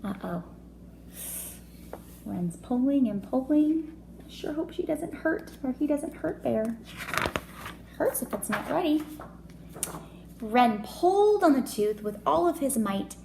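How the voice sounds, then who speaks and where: A kindergarten teacher reads a picture book aloud to young children, expressive and teacherly, asking questions and commenting as she goes. Her fairly high voice has noticeable creak, and she takes her time, pausing for chatty asides in an echoey room with faint noise.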